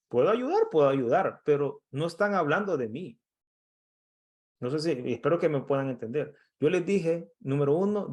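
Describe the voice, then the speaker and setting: A man's voice: a little high, darkish tone. A middle-aged man from El Salvador, giving an earnest, conversational motivational talk as an emotional intelligence coach and acting out quoted dialogue.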